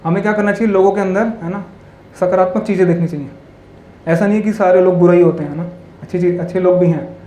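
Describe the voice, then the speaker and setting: A man's voice: high-pitched, fairly even intonation, fast, dark tone. A man giving a spiritual talk to a live audience, telling parables and often checking in with questions to the listeners, mixing in English words. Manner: asks the audience constant tag questions; tells parables and stories. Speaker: monk speaker. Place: hall with an audience. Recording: echoey hall with faint ambience.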